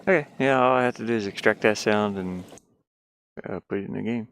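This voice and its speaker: While working on his game, a man mutters brief fragments to himself in a casual think-aloud screen commentary for a shared hobby session. He talks a little fast in a lowish, somewhat bright voice, with slight background noise.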